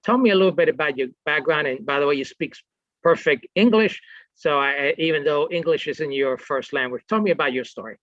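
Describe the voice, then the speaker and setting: A man hosting a public affairs program asks his guest questions at a medium pitch, hesitating often with fillers and restarts. His voice sounds dry and slightly dull, with no room around it. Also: brisk, fairly bright tone, dry recording. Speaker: TV talk show host. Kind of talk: interviewing a guest.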